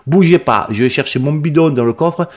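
A man's voice: a little high, fairly quick, voice pushed up, lightly acted. A man voicing a brash, plump farmer from the south of France with a strong southern French accent and a boisterous way of exclaiming.

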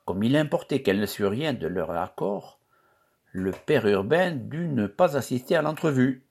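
A man reading a story aloud as narrator, calm and measured. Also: medium pitch, gravelly, slightly rough. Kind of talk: audiobook reading.

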